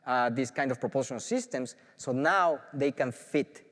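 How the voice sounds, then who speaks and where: Speaking a little slowly in a mid-range voice, a middle-aged man from Mexico delivers an enthusiastic conference talk as a professor. His Mexican Spanish accent comes through, along with many fillers and restarts, and the large auditorium gives it a big-room sound.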